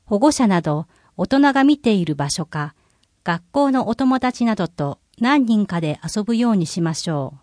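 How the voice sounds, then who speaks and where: A woman reading a city bulletin aloud in a clear, measured way, slowing down for phone numbers and contacts. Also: medium pitch, lively intonation, a little mellow, no room sound, clean studio sound. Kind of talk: scripted reading of public notices.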